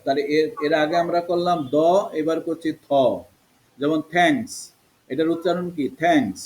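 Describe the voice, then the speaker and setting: A man teaching an online English pronunciation class, slowly drilling and repeating sounds for his pupils. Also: a little high, fairly even intonation, darkish tone, rough recording. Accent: Bangladeshi. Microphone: video call.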